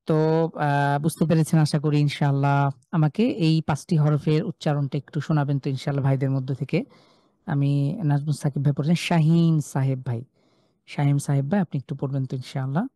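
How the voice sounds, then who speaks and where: A man's voice: a little high, steady tone, dark tone, no room sound, studio quality. Patient man teaching Quran letter sounds. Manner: patient, demonstrates letter sounds slowly, asks students questions. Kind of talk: live online lesson. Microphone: video call.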